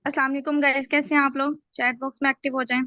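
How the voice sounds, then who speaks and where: A woman's voice: high-pitched, little pitch movement, racing, sharp tone, no echo, dull audio. A woman sales trainer on a video call, explaining step by step and often checking in with the group. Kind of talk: online team training call.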